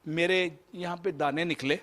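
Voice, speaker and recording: A man's voice: a little high, steady tone. A man in his fifties from Pakistan with a Pakistani Urdu accent, telling a personal story in a motivational lecture and slipping English phrases into his Urdu. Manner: mixes English phrases into Urdu, shifts between loud and soft. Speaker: motivational speaker.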